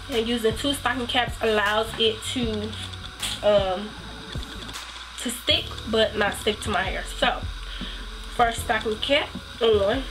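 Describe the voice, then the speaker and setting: A woman's voice: medium pitch, poor audio. A woman with a cold and a stuffy nose, chatting casually through a hair tutorial and rambling with plenty of ums. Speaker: hair vlogger.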